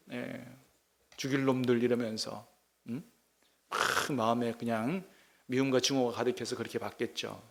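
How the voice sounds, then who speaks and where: A man, a senior pastor, preaching at a weekday prayer meeting in a church, reading scripture aloud and questioning the congregation directly. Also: a little high.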